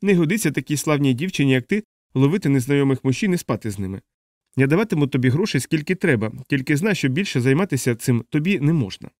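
A man's voice: mid-range voice, animated, quick pace, a little mellow, dry recording, clean studio sound, lightly acted. A man voicing an insistent young man, lovestruck and bossy, who keeps laying down orders in exasperation. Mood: stern.

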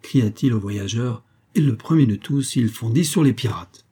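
A man narrating a classic novel as an audiobook, reading in a measured, dramatic way. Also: medium pitch, warm tone, husky. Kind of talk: scripted narration.

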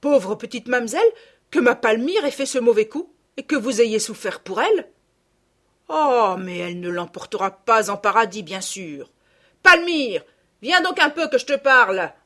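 A woman's voice: medium pitch, moderate pace, lightly acted. A woman voicing a middle-aged peasant gardener woman who scolds and gossips in blunt rustic speech, read as an audiobook character. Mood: indignant.

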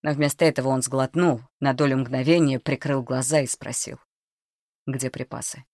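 A woman narrating a dark novel in a quiet, tense reading voice. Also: extremely low pitch, fairly even intonation, fairly quick, no echo, clean studio sound. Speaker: audiobook narrator. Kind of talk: scripted narration.

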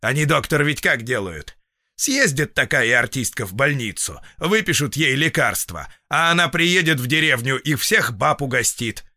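A man's voice: medium pitch, expressive, moderate pace, sharp tone, no echo, clean studio sound, pitched above the performer's own voice. A man voicing a stern, knowing older village medic who scolds in an audiobook. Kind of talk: audiobook reading.

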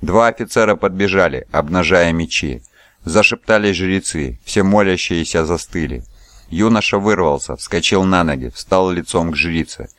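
A man with a very low, deep voice reads a novel aloud in an even, measured way. The sound is dry and close, with no room around it. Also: no echo. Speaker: audiobook narrator. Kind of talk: scripted narration.

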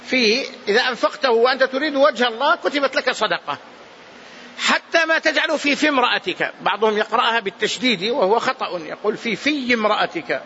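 A man's voice: very high-pitched, pushed and bright, muffled recording, a little hiss or hum. A man teaching a mosque lesson on hadith as a sheikh, repeating key phrases for emphasis. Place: large mosque.

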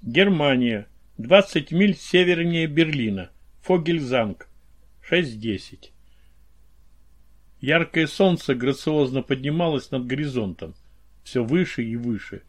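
A man reading scripted audiobook narration in a calm, descriptive way. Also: medium pitch, takes it slowly.

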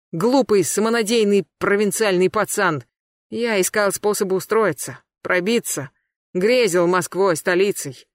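A reader voicing an agitated male suspect who shouts and protests his innocence under interrogation. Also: mid-range voice, no echo, clean studio sound, natural voice. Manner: shouting, indignant, defensive. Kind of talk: audiobook character voice.

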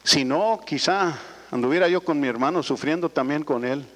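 A man's voice: on the high side, normal speed, a bit bright. An older man tells a rambling, folksy personal story to an audience, often adding little tag questions. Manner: folksy, rambling, frequent "¿verdad?" tags. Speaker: speaker addressing business associates. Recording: long hall reverb.

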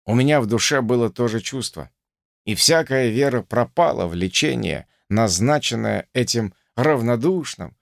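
A man narrating literary prose aloud as an audiobook reader, with expressive delivery. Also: mid-range voice, no echo, clean studio sound.

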